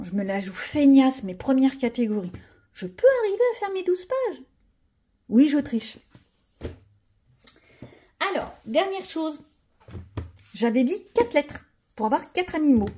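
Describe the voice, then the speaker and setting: A woman's voice: fairly high pitch, warm tone, husky. A woman chatting casually to her viewers while she colors, thinking aloud and joking about herself. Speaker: coloring vlogger.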